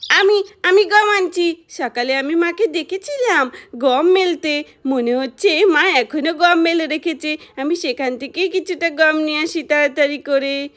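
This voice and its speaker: A woman voicing a cheeky, mischievous little boy in a doll cartoon, talking in excited exclamations. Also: sits high, a little slow. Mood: scheming.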